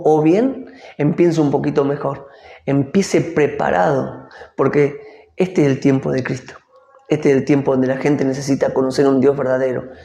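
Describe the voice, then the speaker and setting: Gravelly-voiced Argentine preacher man. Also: a little high, dark tone. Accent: Argentine Rioplatense Spanish. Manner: earnest, repeats phrases for emphasis. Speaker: pastor. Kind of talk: devotional sermon reflection. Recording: echoey room.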